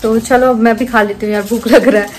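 A woman's voice: on the high side, fairly even intonation, fairly quick, darkish tone, slight background noise, rough recording. A woman talking through her casual vlog, chatty and laughing often, repeating herself as she goes. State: tired at the end. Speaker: vlogger.

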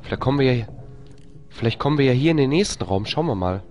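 A man's voice: animated, fast talker, a little mellow, faint music behind. A man streaming a horror game live, chatting with viewers and swearing in panic when attacked. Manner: panicked swearing, screaming in high pitch; whispers while sneaking. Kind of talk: live let's play commentary.

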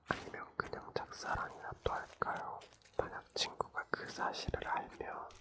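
Close, leaned-in whispering radio host. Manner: leaning in to whisper, soft and intimate; gentle, consoling, informal advice-giving. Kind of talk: whispered ASMR radio show, reading and answering listener stories.

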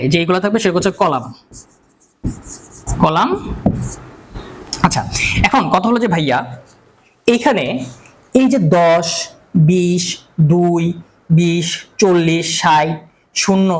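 A man's voice: high-pitched, animated, normal speed, long pauses, poor audio. A man teaching a math lecture, asking questions and answering them himself, and repeating key terms over and over.

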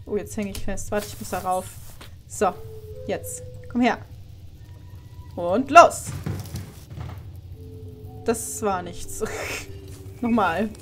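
A woman's voice: mid-range voice, slow pace, long pauses, fairly bright tone, faint music behind. A young woman commenting on a horror game as she plays, chatty and exclaiming, sometimes swearing. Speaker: let's play host.

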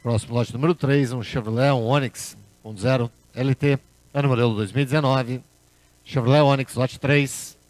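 A man's voice: mid-range voice, steady tone, moderate pace, a little mellow, dry recording. A man working as an auctioneer, calling bids at a car auction in a repetitive chant.

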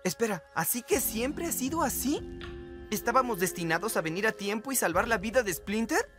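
Lively, brainy teen turtle ninja. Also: male voice, sits high, moderate pace, music in the background. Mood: pensive, puzzled. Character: brainy, curious teenage male turtle ninja. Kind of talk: animated cartoon dub acting.

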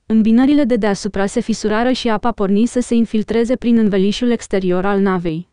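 A woman narrating an audiobook in a steady, even storytelling manner. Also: mid-range voice, clear, resonant tone, no echo, clean studio sound.

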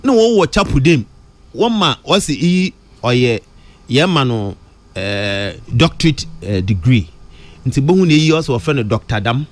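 A middle-aged Ghanaian man talking in a radio studio, mixing Twi and English, his pitch leaping up on questions. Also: big pitch swings, normal speed. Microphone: studio mic close to mouth.

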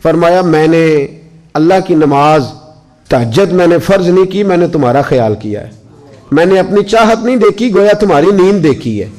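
A man's voice: sits high, lively intonation, moderate pace, a little mellow. A man from Pakistan preaching a sermon. He tells stories and slips into the voices of the people in them. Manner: storytelling, acting out dialogue with shifting voices.

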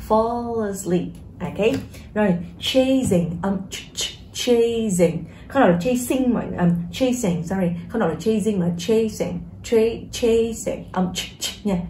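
A woman teaching English pronunciation through a song, encouraging her viewers and repeating words slowly to demonstrate them. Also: mid-range voice, mellow, reverberant, slight background noise.

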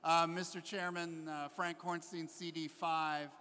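A man's voice: a little high, little pitch movement, bright, forceful tone, big-room sound. Man making a floor motion. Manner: formal, halting. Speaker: delegate. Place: convention hall floor microphone.

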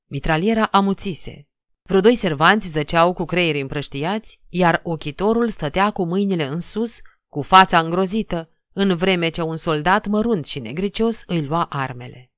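A woman narrating an audiobook of a classic novel in a measured, dramatic reading. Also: lowish voice, lively intonation, a bit bright, no echo, clean studio sound. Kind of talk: scripted literary narration.

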